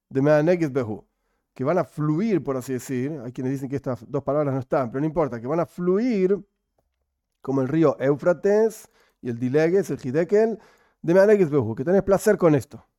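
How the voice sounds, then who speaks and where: A man teaching a Talmud study class. He reads the Aramaic slowly and then explains it casually. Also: fairly high pitch, lively intonation, mellow, no room sound, studio quality.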